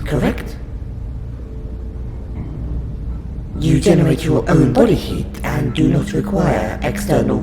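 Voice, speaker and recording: In an audio roleplay addressed to the listener, a man with a fairly high voice plays a polite, patient alien scientist who has abducted a human and is interviewing them. He sounds pleased and inquisitive, speaking in a formal, precise, courteous and measured way. The recording has a roomy echo and a loud music bed behind him.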